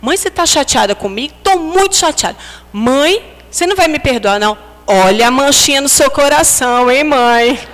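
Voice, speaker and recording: A woman doing a sulky four-year-old boy, high-pitched and whiny, her voice ringing with long reverb in a big hall. the little fellow pleads and frets. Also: lively intonation, moderate pace, a bit bright. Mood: pleading.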